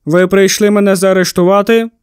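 A man reading an audiobook, voicing a cold, rational doctor who speaks in measured, precise phrases. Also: sits high, fairly even intonation, smooth, dry recording, clean studio sound, close to an everyday voice. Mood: detached. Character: cold, rational male scientist doctor, evasive.

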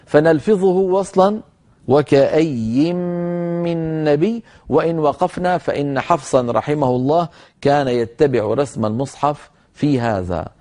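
This mellow, mid-range male voice belongs to a teacher of Quranic recitation rules on a broadcast. Addressing the audience directly as brothers, he explains things steadily and models the words slowly.

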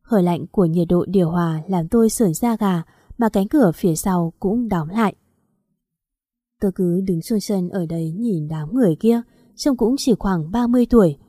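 A woman reads a first-person story aloud in a steady, even way. Her voice is warm and mellow, and the recording is close and dry with no room sound. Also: on the low side, normal speed, husky, no echo. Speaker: story narrator.

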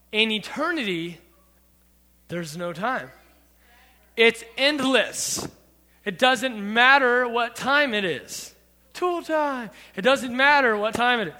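A man with a high, bright voice preaches a youth sermon. He keeps it loose with playful, jokey asides to the listeners, and a long hall reverb trails every line. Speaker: youth pastor.

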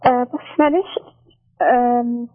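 High-voiced woman caller on a phone line. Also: fairly even intonation, takes it slowly. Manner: short hesitant answers. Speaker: quiz caller. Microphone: phone call.

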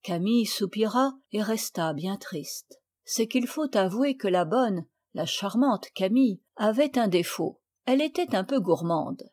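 A woman narrating a children's classic as an audiobook, with a clear, expressive reading. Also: medium pitch. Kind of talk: storybook reading.

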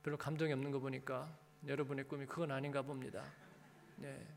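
This preacher's voice is medium-pitched, level and gravelly, and he speaks briskly. He keeps the sermon conversational, asking rhetorical questions and giving short prompts to his listeners. Long reverb fills the big church hall, with slight background noise.

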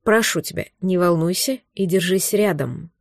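A woman voicing a worried grown husband who speaks low and hushed, pleading with tense gentleness. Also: moderate pace, no echo, studio quality, close to an everyday voice. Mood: strained calm.

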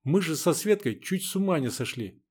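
A man's voice: fairly high pitch, lively intonation, normal speed, husky, pitched above the performer's own voice. A man reading the part of a young woman who scolds her friend through tears. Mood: tearful tender. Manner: soft, tearful.

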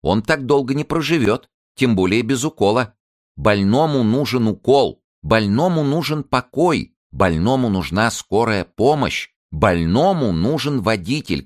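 A man voicing a shrill, excitable young female paramedic who lectures and squeals.

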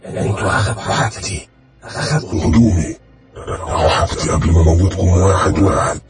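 A man voicing a vengeful, bloodied ghost boy from a horror story, speaking in a slow, heavy, threatening way. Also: low voice, roomy sound, music in the background, lightly acted. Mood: menacing.

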